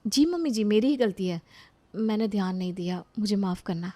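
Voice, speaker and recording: A woman voicing a polite young daughter-in-law who speaks softly and agreeably. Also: mid-range voice, expressive, fairly quick, close to an everyday voice. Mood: apologetic. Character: favoured young daughter-in-law, sweet and obliging.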